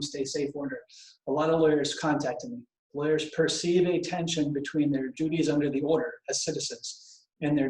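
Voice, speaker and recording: A man giving a casual spoken presentation on professional duties as a bar counsel, chatty and digressive, a speaker who admits he tends to ramble. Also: fairly high pitch. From Vermont. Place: home garage. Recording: echoey garage.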